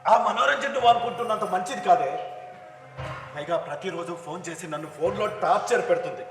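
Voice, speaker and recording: Man playing an upright, agitated husband, high voice, stage drama, echoey hall, music behind. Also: expressive, fast talker, fairly bright tone. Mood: worried. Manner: scolding, agitated. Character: honest upright husband, exasperated official. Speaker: stage actor.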